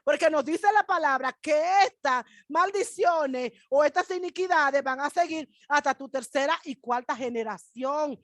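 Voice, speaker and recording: A woman's voice: high voice, moderate pace, few pauses, no echo, studio quality. A middle-aged woman pastor preaching a fervent testimony, emphatic and dramatic, acting out remembered dialogue. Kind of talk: sermon testimony.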